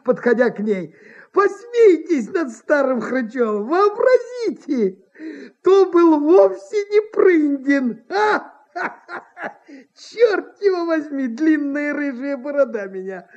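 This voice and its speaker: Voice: medium pitch, animated, takes it slowly, vocal fry, mellow, slightly rough, pitched above the performer's own voice, full character voice. A performer voicing a cowardly old man theatre manager who wheedles, sobs and giggles, in a dull old radio recording. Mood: giggling. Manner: whiny, wheedling, sobbing and giggling. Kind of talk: 1950s staged story reading.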